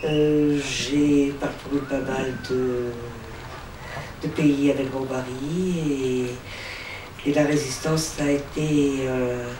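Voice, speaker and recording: A woman's voice: extremely low pitch, fairly even intonation, takes it slowly, recorded from a distance, noisy background. An elderly woman giving hesitant documentary testimony, heard in an echoey hall from afar. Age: older. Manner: hesitant, with fillers. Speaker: former resistance member giving testimony.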